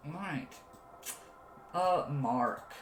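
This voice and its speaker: A man's voice: a little high, very slow. A man as game master, casually narrating what happens to the players in a tabletop game. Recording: echoey room with faint noise.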